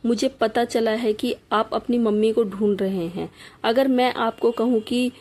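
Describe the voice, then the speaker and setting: A woman reading a storybook aloud, voicing an earnest young man who gently pleads with his older brother. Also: fairly high pitch, fairly even intonation, a little slow.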